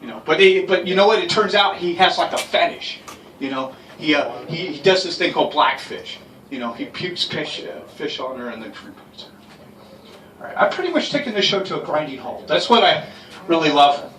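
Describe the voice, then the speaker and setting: A man's voice: fairly high pitch, animated, brisk, a bit bright. A man doing a loose, profane, rambling stand-up set at an open mic in a garage. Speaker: stand-up comedian. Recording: roomy far-off live recording with noise.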